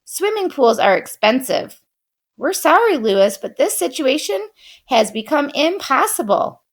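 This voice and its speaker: Woman reading stern parents, exasperated, storybook, raised pitch. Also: very animated, measured pace. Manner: stern, sensible.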